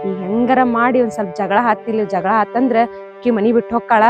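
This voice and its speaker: A woman's voice: on the high side, fast talker, muffled recording, music in the background. A woman with a North Karnataka accent acting a complaining young wife in a village comedy skit, whining and then plotting in asides. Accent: North Karnataka Kannada.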